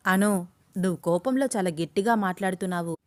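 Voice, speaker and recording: A woman voicing a bold, teasing young man in love, in an audio story, in her own even voice. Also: on the low side, fairly quick, dry recording, lightly acted. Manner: coaxing, teasing.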